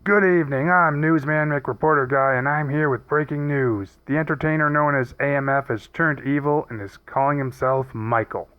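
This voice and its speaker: A man's voice: on the high side, fairly even intonation, normal speed, few pauses, natural voice. A man voicing a pompous male TV news anchor in an announcer cadence. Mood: formal. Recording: dull lo-fi recording.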